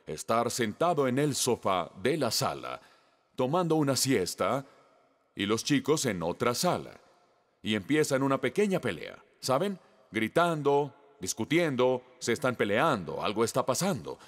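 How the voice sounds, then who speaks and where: Brief: middle-aged man, pastor preaching, very lively pitch, emphatic storyteller. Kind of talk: sermon.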